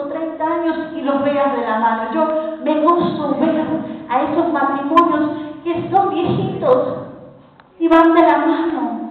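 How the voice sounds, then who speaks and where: A woman with an Argentine accent preaching a fervent sermon, exhorting and addressing the women in front of her directly. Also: high-pitched. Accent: Argentine Spanish. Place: large conference hall. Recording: tinny, echoey hall recording from far off.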